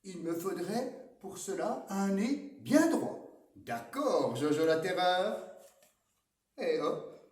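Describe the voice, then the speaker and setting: Librarian type, a man with a high, lively voice reading picture books with play, unhurried, echoey library, mic set back. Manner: playful, animated storytelling. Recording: echoey room, mic at a distance.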